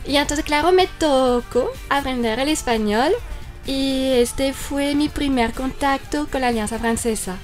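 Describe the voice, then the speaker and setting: This interview guest, who represents a French cultural institute, speaks with a French accent in an unhurried, slightly high voice over soft background music. Her answers run long and lean on fillers such as "mira" and "entonces."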